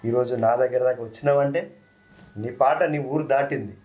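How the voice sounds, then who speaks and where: A man with a Telangana Telugu accent hosting a folk talent channel, interviewing a singer in a friendly, quick manner. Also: mid-range voice, highs cut off. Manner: fast, friendly, keeps saying "anna". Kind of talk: casual interview.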